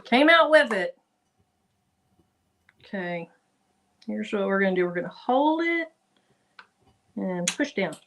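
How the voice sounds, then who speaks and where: A guest crafter chats casually over a video call while working on a craft project, thinking aloud as she goes through her computer microphone. Her medium-pitched voice is lively and a bit bright, and she speaks slowly with long pauses.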